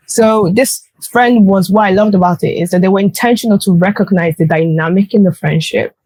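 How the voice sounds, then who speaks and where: A woman's voice: mid-range voice, brisk, a little mellow, no room sound, low-quality recording. A woman hosting a podcast conversation, speaking thoughtfully and earnestly with frequent restarts. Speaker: podcast host. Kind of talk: reflective conversational chat.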